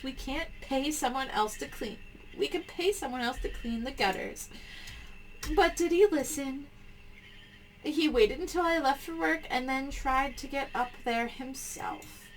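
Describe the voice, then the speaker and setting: A woman voicing an exasperated, scolding spouse in a game, nagging theatrically with emphatic pauses. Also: sits high, a little hiss or hum, poor audio.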